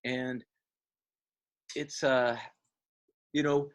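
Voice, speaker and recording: A man, talking as an interview guest and reminiscing in a halting way, with many fillers and restarts. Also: medium pitch, level tone. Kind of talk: casual interview.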